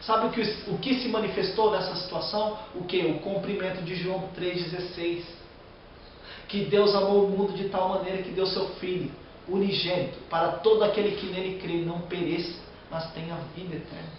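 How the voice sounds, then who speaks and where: A man's voice: sits high, fairly even intonation, brisk, very echoey, recorded from a distance, muffled recording, slight background noise. A man preaching a sermon with a Brazilian Portuguese accent, reading scripture aloud and breaking into emotional, rising outbursts.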